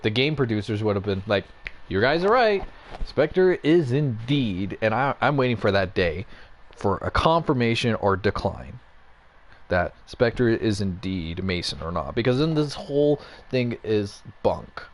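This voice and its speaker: A man's voice: on the low side, lively intonation, normal speed, a little hiss or hum. A young man in a casual, rambling gaming rant at home, getting fired up, with lots of fillers and restarts, speaking into a headset mic. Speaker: gaming YouTuber. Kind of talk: casual ranting commentary.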